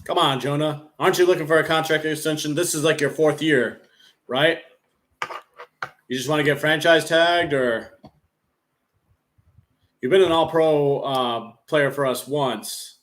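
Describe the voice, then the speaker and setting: A man's voice: a little high, unhurried, long pauses. Chatty man streaming live football commentary. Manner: rambling, heavy use of "like" fillers; relaxed play-by-play narration. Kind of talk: casual live game commentary.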